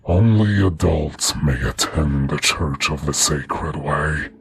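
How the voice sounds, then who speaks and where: A man voicing a haughty, sinister hooded cult priest with a sibilant, whispery rasp in a horror story. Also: very deep voice, voice pushed down, heavily acted. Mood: haughty menace. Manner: haughty, slow, menacing.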